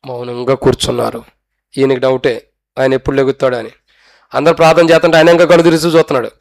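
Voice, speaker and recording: A male pastor preaches with a gravelly, slightly high voice. He tells his story with drama, acting out the people in it and moving from loud cries to hushed, low tones. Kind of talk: sermon storytelling.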